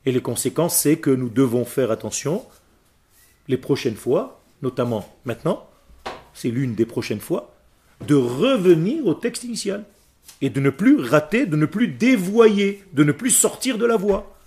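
Unhurried and animated, a man with a higher, slightly mellow voice teaches Hebrew and Torah. He is from Israel, speaks Hebrew as his first language, and teaches emphatically, quizzing the class and explaining each word in turn.

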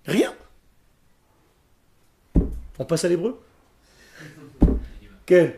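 An Israeli man whose first language is Hebrew teaches Hebrew and Torah with great emphasis, questioning the class and explaining word by word. His high voice is very animated, he talks extremely slowly, and the background is noisy.

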